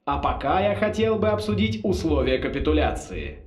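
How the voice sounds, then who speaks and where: A man voicing a suave, scheming old former rector turned sorcerer villain in an audiobook, speaking slowly, loudly and with menacing politeness. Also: fairly high pitch, sing-song, echoey room. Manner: slow, loud, menacingly polite. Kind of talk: audiobook character voice.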